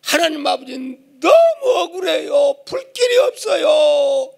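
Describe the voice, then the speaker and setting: A man voicing a desperate middle-aged churchwoman who cries out in prayer, sobbing and shouting her pleas. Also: very animated, measured pace, vocal fry, exaggerated voice. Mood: tearful, pleading. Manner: sobbing, shouting, high-pitched pleading.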